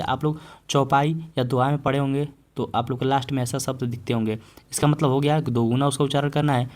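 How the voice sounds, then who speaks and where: A man teaching a grammar class with an even, mid-pitched voice. He drills each example word several times at a slow pace. He keeps asking his listeners questions and then answers them himself. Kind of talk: exam-prep Hindi grammar lesson.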